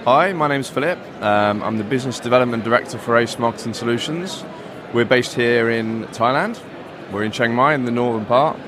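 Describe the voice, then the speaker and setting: Friendly business guy, easy-going vox pop, loud noise behind. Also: medium pitch, a little fast. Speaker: business development director.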